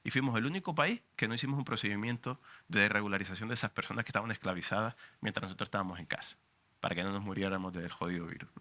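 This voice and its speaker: Fiery Canarian man with bright voice. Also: fairly low pitch, rapid-fire. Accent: Canarian Spanish. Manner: passionate, emphatic, frank and profane. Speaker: journalist and panelist. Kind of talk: public talk at a book presentation.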